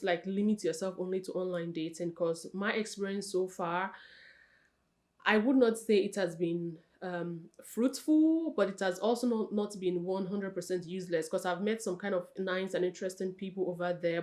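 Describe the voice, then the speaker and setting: A young woman vlogger giving casual, chatty advice straight to her viewers, expressive and correcting herself often. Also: medium pitch. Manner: chatty, talks straight to viewers as "you guys" and "sis"; expressive, with frequent self-corrections.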